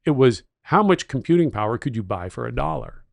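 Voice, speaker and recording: A middle-aged man co-hosting a podcast, with a gravelly, fry-edged voice. He speaks at an ordinary pitch and tells stories with keen enthusiasm, and the sound is dry and close with no room echo. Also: expressive, brisk. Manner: enthusiastic storyteller, techno-utopian. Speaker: podcast co-host. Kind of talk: casual chat.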